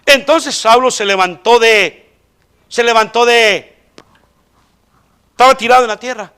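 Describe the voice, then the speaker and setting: A male pastor preaching a sermon in a church, emphatic and rising sharply in pitch when he quotes voices. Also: measured pace, pushed and bright, clear, resonant tone. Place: church sanctuary.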